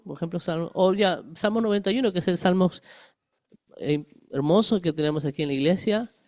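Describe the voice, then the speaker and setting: A man's voice: high-pitched, a little mellow, no echo, clean studio sound. A middle-aged male pastor giving a conversational Bible-study sermon, explaining verses with everyday examples and asking the congregation rhetorical questions.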